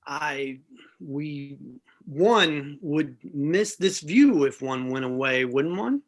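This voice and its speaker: Sheepish husband in a comic play reading, halting, lively pitch; a woman reads him. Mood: hesitant. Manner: halting, hesitant delivery. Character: hesitant, sheepish husband, man.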